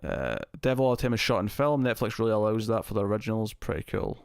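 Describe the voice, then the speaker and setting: Low-voiced man, heavily compressed, close and dry. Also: fast talker, clean tone, no echo. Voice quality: evenly compressed level. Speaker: live stream host. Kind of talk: casual live-stream chat, answering viewers. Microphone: close streaming mic with compressor.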